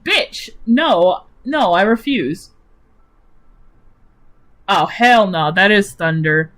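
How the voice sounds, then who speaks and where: A young woman streamer chatting casually about her characters, animated, swearing freely and laughing often. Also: medium pitch, extremely slow.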